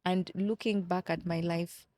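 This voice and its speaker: A woman's voice: fairly low pitch, steady tone, unhurried, warm tone, no echo. Earnest, reflective woman in her thirties. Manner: earnest, reflective, repeats words as she searches for them. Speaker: podcast guest. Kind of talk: candid conversational storytelling.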